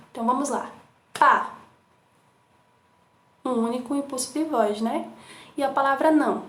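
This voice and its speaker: Woman teacher in an echoey room. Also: high voice. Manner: slow syllable-by-syllable enunciation with frequent "tá certo?" checks. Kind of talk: remote class lesson.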